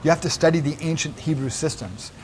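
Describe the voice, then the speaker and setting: A man quoting a gentle feminine plant spirit in his own voice, soft, patient and solemn. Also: fairly high pitch, fast talker, a little hiss or hum, natural voice.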